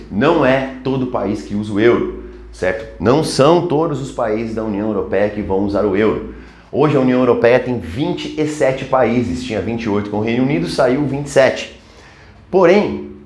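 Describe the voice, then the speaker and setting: A man's voice: medium pitch, darkish tone, reverberant. A man with a Brazilian Portuguese accent teaching a geography lesson at a chalkboard, talking casually to his students. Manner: casual, addresses students as "cara". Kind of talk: chalkboard lecture. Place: classroom.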